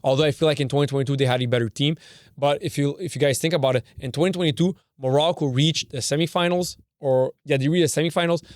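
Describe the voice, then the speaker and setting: Speaking fast in a slightly high voice with a steady tone, this podcast host chats casually about football. He's a young man from Canada, Serbian his first language, who rambles, corrects himself often and swears casually, all in studio-quality audio with no room sound.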